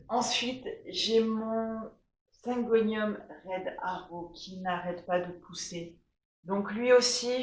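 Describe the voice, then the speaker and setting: A woman's voice: lowish voice, a bit bright. Woman, enthusiastic plant vlogger, casual home chat, roomy echo. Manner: enthusiastic, chatty, many fillers. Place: room at home. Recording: echoey room.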